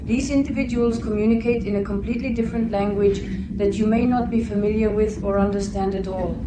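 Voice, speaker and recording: A woman interviewing a guest, asking formal questions in a polite, deliberate and admiring tone. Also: mid-range voice. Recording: steady background noise.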